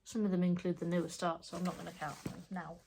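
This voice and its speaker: Showing off her cross stitch in a casual show-and-tell, a congested middle-aged woman rambles and corrects herself. Her low-ish, level voice moves at a quick pace with vocal fry and a slightly mellow tone, and there's a little hiss or hum.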